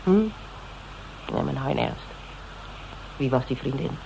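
Very deep, creaky and darkish, this woman's voice holds a steady tone at a measured pace in a heavily acted performance. She plays a shrewd, mocking interrogator in a noisy radio drama recording, needling and conversational as she accuses and probes.

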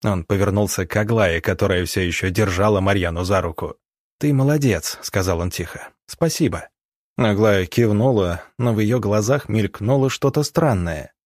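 A male audiobook narrator with a lowish voice, reading in a steady, even way. The recording is dry and close, with no room sound. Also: moderate pace, few pauses, no echo. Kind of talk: scripted narration.

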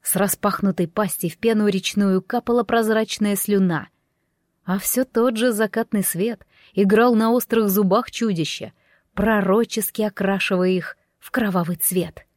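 A woman's voice: medium pitch, fairly even intonation, normal speed, darkish tone, no echo, studio quality. A woman narrating a fairy tale audiobook in first person, reading expressively and giving the characters their own voices.

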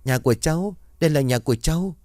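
A man's voice: fairly high pitch, animated, quick pace, darkish tone, no room sound, clean studio sound, voice pushed up, lightly acted. A man voicing a scared, feverish little boy who whimpers and pleads. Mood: frightened.

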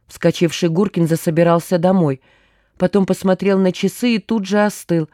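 A woman reads an audiobook in a measured, wry storytelling manner. Her voice is dark and mellow, recorded close and dry with no room sound. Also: fairly low pitch, fairly even intonation, no echo. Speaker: audiobook narrator. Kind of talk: scripted narration.

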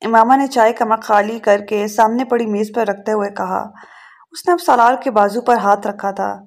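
A woman narrating a novel aloud in a calm, measured way, now and then correcting a word. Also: medium pitch. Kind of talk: audiobook reading of a novel.

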